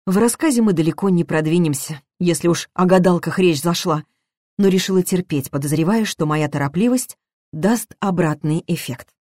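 A woman narrating a first-person story in a measured, reflective way. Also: lowish voice, a little mellow, no room sound, studio quality. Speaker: audiobook narrator.

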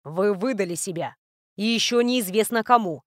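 A woman reading the lines of a cold, stern male bodyguard in a clipped, flat manner. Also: mid-range voice, moderate pace, no room sound, studio quality, natural voice.

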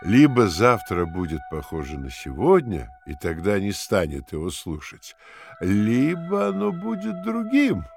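A cold male inner voice that questions and warns, unhurried and insistent. The voice is gravelly and swoops widely from low to high. Faint music sits behind it in this audio drama. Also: huge pitch swings, a little mellow, heavily acted. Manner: slow, rising, insistent.

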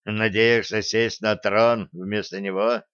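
A man doing a gruff, phlegmatic old admiral. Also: fairly low pitch, slow, no echo. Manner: calm, gruff, dry. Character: phlegmatic tough older male admiral. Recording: dull lo-fi dry recording.

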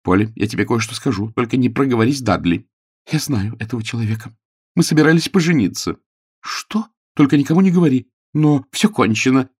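A man's voice: medium pitch, expressive, fairly quick, breathy edge, voice pushed up. A man reading an audiobook voices a nervous, secretive young woman who talks in a flustered, pleading way. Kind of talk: audiobook character voice.

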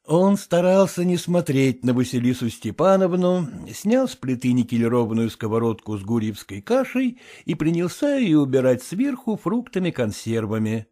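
A man reads a classic story aloud in an expressive, dramatic way. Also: mid-range voice, moderate pace, few pauses. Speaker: narrator. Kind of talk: literary audiobook reading.

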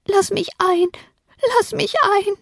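A woman's voice: very high-pitched, flat delivery, takes it slowly, gravelly, fairly bright tone, no room sound, clean studio sound, pitched above the performer's own voice, full character voice. A woman voicing a wailing little ghost girl. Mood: pleading. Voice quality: sobbing, whispery.

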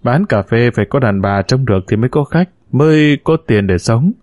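A glib, scheming husband from a spoken story, read out by a male narrator in his own steady voice. He talks smoothly and persuasively, always trying to win people over. The sound is dry and close, with no room around it. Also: mid-range voice, normal speed, no echo, natural voice. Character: smooth-talking scheming husband, a con man.

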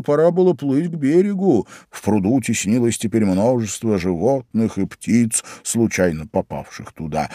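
A man narrating a storybook in an animated, expressive reading. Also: medium pitch, no room sound, studio quality.

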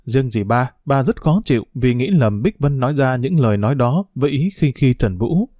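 A man narrating an audiobook novel in a steady, measured reading. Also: medium pitch, dry recording, clean studio sound.

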